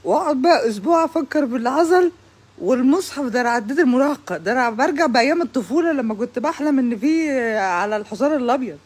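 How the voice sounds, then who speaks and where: A young woman with an Egyptian accent delivering an exasperated comic stand-up monologue, with loud outbursts of complaint. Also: high voice, expressive, fast talker, husky. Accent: Egyptian Arabic. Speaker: comedian.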